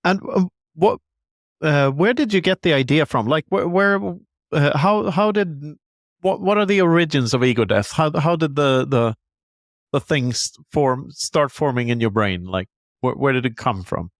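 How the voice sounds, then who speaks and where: A man's voice: on the high side, animated, normal speed, no echo, clean studio sound. A man hosting a podcast interview, asking stumbling, hesitant questions. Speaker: podcast host.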